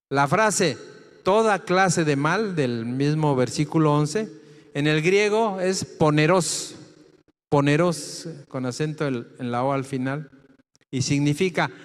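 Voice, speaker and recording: A pastor preaches slowly and deliberately, stressing each word and asking the congregation questions. His voice sits a little high for a man. Long reverb from the church hall trails behind him. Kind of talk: sermon.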